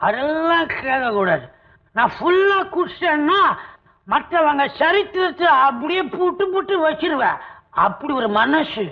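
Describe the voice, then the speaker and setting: An actor playing a tipsy, gossiping male household servant in an old film, with a gravelly, slurring voice. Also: very high-pitched, sing-song, unhurried, exaggerated voice. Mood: boastful. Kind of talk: 1980s film dialogue. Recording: muffled old film soundtrack.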